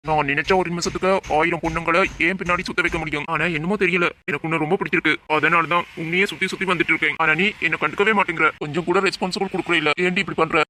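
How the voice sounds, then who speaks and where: A man's voice: on the high side, steady tone, fast talker, pushed and bright, a little hiss or hum. A man voicing a swaggering young rich bully. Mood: boastful. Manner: boastful, menacing. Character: arrogant young male minister's son, pushy suitor. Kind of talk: cartoon voice acting.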